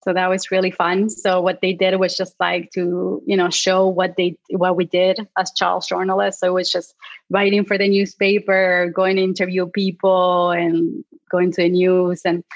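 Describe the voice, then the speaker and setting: A woman's voice: mid-range voice, little pitch movement, moderate pace, no echo, dull audio. Argentine woman, chatty with fillers. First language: Spanish. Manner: chatty, many fillers, laughs lightly. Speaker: clinical psychologist guest. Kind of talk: casual interview answers.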